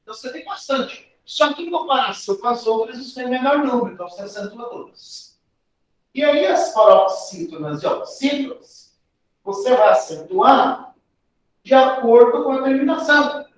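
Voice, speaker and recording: In a very echoey room, heard from a distance, a man with a Brazilian accent teaches an exam grammar lesson step by step, often tacking on tag questions. His voice is very high, animated, and moderately paced.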